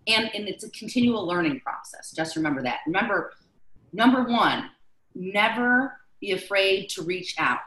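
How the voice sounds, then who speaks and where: A woman's voice: medium pitch, a bit bright, reverberant, poor audio. Chatty woman chef teaching live. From Chicago. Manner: chatty, many fillers. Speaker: chef instructor. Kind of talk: online class lecture.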